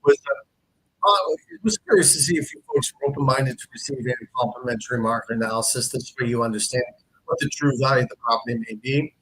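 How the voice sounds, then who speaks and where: A man cold-calls homeowners as a real estate broker, courteous and formal. His voice sits at a middling pitch. He talks in a polite, practiced phone manner. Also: fast, fairly bright tone, poor audio. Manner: polite and courteous, sir and ma'am.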